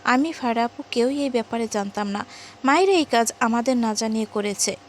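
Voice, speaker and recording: An earnest young woman from a storybook pleads on her sister's behalf, as the woman reader voices her. The tone is high and sincere, with a little faint noise behind it. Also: fairly quick, close to an everyday voice. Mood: pleading.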